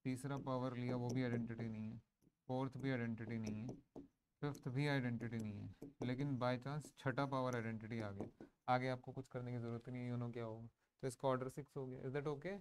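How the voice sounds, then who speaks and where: Male maths teacher, classroom lecture, mixes Hindi and English, checks in with students; mid pitch, faint noise. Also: steady tone, brisk, a little mellow.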